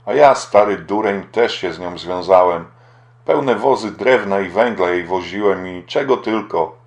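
An older workman, ashamed and lovesick, pours out his regrets, read by a man in a low voice. He reproaches himself in a plain audiobook reading. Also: a little slow. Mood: lamenting. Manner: lamenting, self-reproaching.

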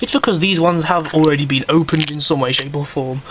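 Brief: guy, slightly higher voice, chatty and cheeky, unboxing vlog, faint hiss behind. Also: brisk. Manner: rambling, chatty, cheeky and self-mocking. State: out of breath. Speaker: YouTuber. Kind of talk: casual unboxing commentary. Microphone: camera mic.

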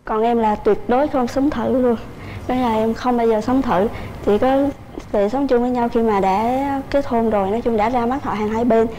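A woman's voice: fairly high pitch, fairly even intonation, normal speed, mellow, a little hiss or hum, poor audio. Shy young woman on a dating show. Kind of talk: casual chat.

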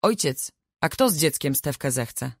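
A woman's voice: sits low, animated, unhurried, husky, dry recording, clean studio sound, exaggerated voice. A woman reading the lines of a blunt, grumbling young village brother in a storybook.

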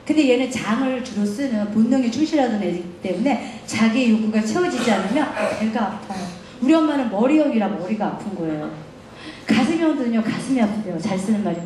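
Brief: middle-aged woman lecturer, lively and laughing, higher voice, echoey hall. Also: fast talker, noisy background. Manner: animated storytelling, laughing often. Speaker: guest lecturer.

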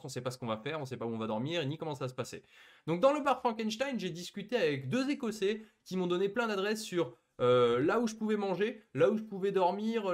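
Young man from France, chatty vlog narrator, fast pace, slightly high voice. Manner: chatty, addresses viewers directly, frequent fillers. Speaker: vlogger narrating his trip. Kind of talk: casual commentary over travel footage.

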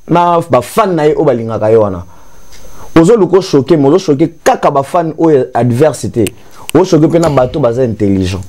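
A man's voice: mid-range voice, mellow. A young man from Congo giving a gesturing critique on a TV studio talk show, switching between Lingala and French. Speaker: commentator. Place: TV studio with grey sofa.

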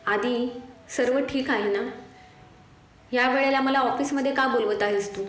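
Woman voicing an anxious young woman, worried questions, high voice, echoey room. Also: steady tone, measured pace, a bit bright, recorded from a distance. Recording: echoey room, faint noise.

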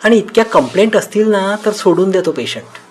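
A man's voice: high voice, expressive, a little fast, pitched above the performer's own voice. A man voicing a doctor's wife, a grown woman who is curious and reproachful, in a raised, scolding tone in a spoken story.

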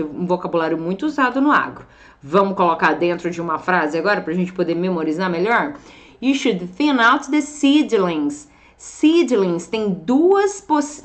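A Brazilian woman teaching English vocabulary, pronouncing words carefully and often checking in with her students. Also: on the low side. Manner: slow, careful, drawn-out pronunciation of English words; frequent check-ins like "tá bom?" and "ó". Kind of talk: vocabulary lesson.

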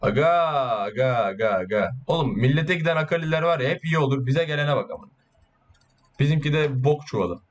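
Excitable man commentating his own gameplay. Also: on the high side, a little fast, lo-fi sound. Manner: excitable, swearing, boastful banter with teammates. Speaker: gaming YouTuber.

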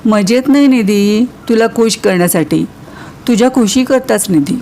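A woman's voice: a little high, normal speed, dark tone, slight background noise, close to an everyday voice. A woman reading as a cool, evasive young man. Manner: cool, matter-of-fact.

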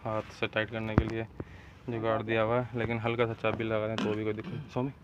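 A man's voice: fairly low pitch, completely flat delivery, fast, lo-fi sound, background noise. A man, an excavator mechanic, explains a hydraulic repair step by step at an outdoor worksite and calls short commands to a helper. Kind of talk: hands-on repair demonstration.

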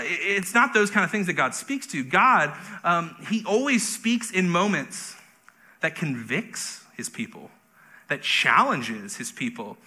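A man's voice: sits high, bright, forceful tone. A man preaching a conversational sermon as pastor, with self-deprecating humor.

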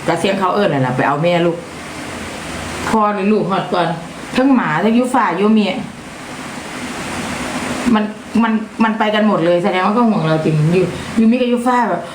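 A woman's voice: medium pitch, animated, moderate pace, long pauses. A middle-aged woman with an Isan accent chatting casually on a live stream, thanking viewers and mixing dialect words into her talk. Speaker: livestream seller. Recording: echoey room with background noise.

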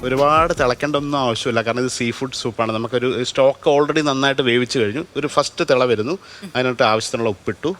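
A man's voice: medium pitch, fast, over music. A man demonstrating a recipe as a TV cooking show chef, explaining each step plainly, offering easy variations and mixing English cooking terms into his speech.

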